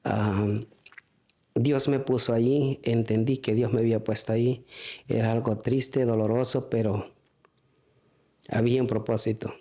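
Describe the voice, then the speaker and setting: A man giving a spoken church testimony, halting, with frequent restarts and fillers. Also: medium pitch, fairly even intonation, dark tone.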